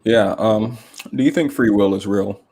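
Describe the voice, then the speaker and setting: A man from the United States co-hosting a podcast, speaking deadpan in casual chat with many hesitant ums. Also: lowish voice, moderate pace. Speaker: podcast co-host. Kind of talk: casual chat reading super chats.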